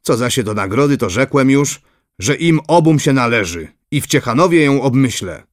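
A man reading aloud, voicing an older kindly prince who speaks in a slow, measured, fatherly way. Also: mid-range voice, expressive, no room sound, clean studio sound, lightly acted. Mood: benevolent.

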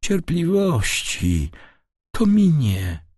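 A man voicing a frail, tender old father who talks slowly, his voice rising into high, shaky tones. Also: huge pitch swings, darkish tone, slightly rough, no echo, studio quality, full character voice. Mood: weak, gentle. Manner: quavering and slow, breaking into high tones.

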